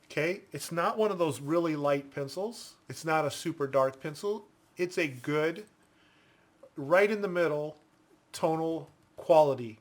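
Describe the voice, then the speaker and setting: A man giving a casual product review in a deliberate, explanatory manner. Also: a little high.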